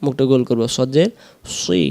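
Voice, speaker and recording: A man teaching Quran recitation, slowly drawing out the verses and then explaining each sound quickly. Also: mid-range voice, vocal fry, mellow. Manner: slow drawn-out recitation alternating with quick explanations.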